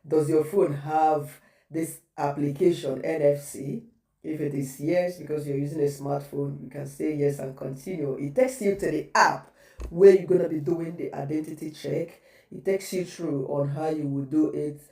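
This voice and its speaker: A man's voice: on the high side, fairly even intonation, moderate pace, warm tone. A man giving a patient step-by-step how-to guide, repeating each step as he walks viewers through it. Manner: patient instructional, repeating steps. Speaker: tutorial host. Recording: echoey room, distant mic.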